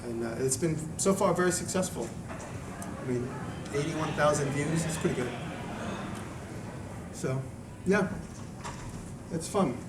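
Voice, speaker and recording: Slow and full of pauses, a man with a higher-leaning voice talks casually to a live crowd about his video work and answers their questions. He wanders and doubles back on himself; the distant mic catches an echoey, noisy room.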